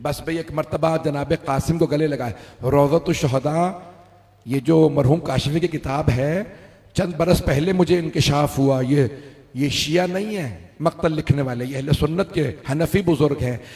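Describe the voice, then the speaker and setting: A man giving a mourning sermon at a religious gathering. He tells the story slowly, then breaks into loud, sung and shouted lament. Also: fairly high pitch. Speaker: Shia majlis speaker. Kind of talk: mourning sermon, rising to wailing chant. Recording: hall with long reverb.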